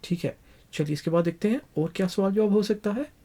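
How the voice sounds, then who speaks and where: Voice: medium pitch, quick pace, warm tone. A teacher giving a spoken English lesson, repeating each phrase and drawing out the English examples.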